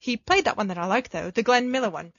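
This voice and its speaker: She's a podfic reader, voice a little high and pace fast, delivering a fan fiction letter with cheeky, playful mock-pomposity. Captured dry in a dull, lo-fi home setup.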